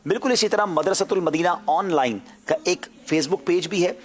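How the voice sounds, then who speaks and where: A man hosting a religious TV quiz show, politely explaining things step by step and addressing viewers directly. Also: high voice.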